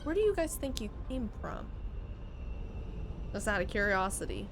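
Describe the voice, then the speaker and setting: A woman with a mid-range, sing-song voice livestreams a video game at a normal speed, chatting casually with viewers. She swears freely and laughs often while game music plays behind her.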